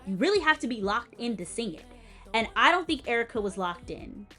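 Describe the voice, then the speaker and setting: A young woman music educator with a light, slightly high voice critiques a performance at a fairly quick pace. She is casual and animated, stressing words and interjecting as she gives the viewer direct, teacherly advice.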